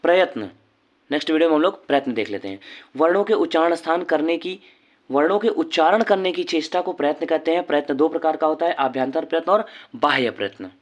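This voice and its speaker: Guy teaching a lesson, kinda high voice, goes slow n stretches out sounds. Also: animated. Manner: slow and deliberate, draws out each sound he pronounces. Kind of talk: explanatory lesson.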